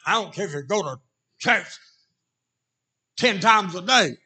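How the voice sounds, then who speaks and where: A man with a Southern US accent and a raspy voice preaching an informal sermon in a folksy drawl, talking directly to his congregation. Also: high-pitched, expressive, measured pace, bright, forceful tone. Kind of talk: informal sermon with jokes and shouts of praise.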